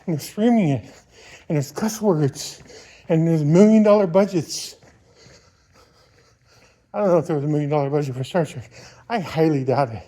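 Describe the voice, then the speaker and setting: High-pitched man vlogging while running, mellow tone. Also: moderate pace, long pauses. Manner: talking while out on a run. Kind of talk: casual rambling opinion vlog.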